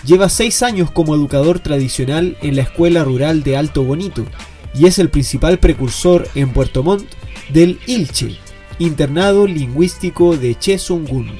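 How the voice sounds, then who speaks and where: A man reading scripted documentary narration for a podcast in a measured, even way. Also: fairly high pitch. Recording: narration over background music.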